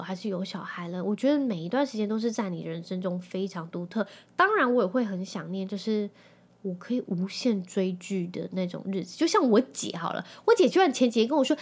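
A woman in her thirties with a Taiwanese Mandarin accent, hosting a podcast in a chatty, animated way and dropping in English phrases. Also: mid-range voice. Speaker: podcast host. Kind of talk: casual chat.

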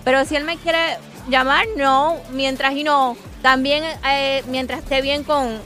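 A woman's voice: high-pitched, little pitch movement, a little slow, pushed and bright, faint music behind. A woman co-hosting a radio chat, switching between Spanish and English as she talks.

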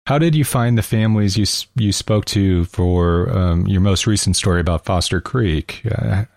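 A very low-voiced male host asks measured questions in a casual radio interview, with a few fillers along the way. The sound is dry and close, with no room in it at all. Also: creaky, a little mellow, no room sound.

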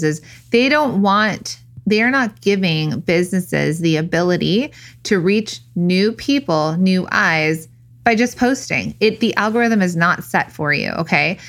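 A woman's voice: on the low side, lively intonation, moderate pace, a bit bright. A woman co-hosting a marketing podcast, chatty and joking, laughing often. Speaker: podcast co-host. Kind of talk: casual podcast chat.

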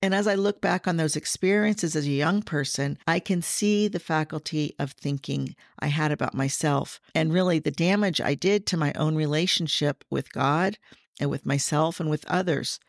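A middle-aged woman hosting a faith podcast, sharing personal reflections in an earnest, gently teaching way. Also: sits low, moderate pace, no echo, clean studio sound. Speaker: podcast host.

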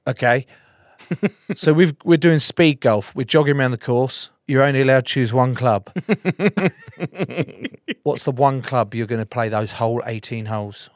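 A man's voice: mid-range voice, fairly even intonation, moderate pace, no room sound, clean studio sound. A man hosting a podcast in casual chat, joking, swearing and laughing often. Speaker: podcast host.

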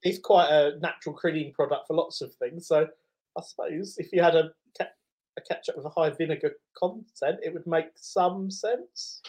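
Podcast co-host: man, fairly high voice, halting, restarts his sentences. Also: darkish tone. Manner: hesitant, stumbling restarts. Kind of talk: casual chat.

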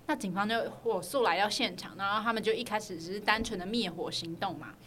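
A woman's voice: medium pitch, a little fast, a bit bright, slight background noise. A woman with a Taiwanese Mandarin accent tells a true crime story as a podcast host, in a conversational narrator's style.

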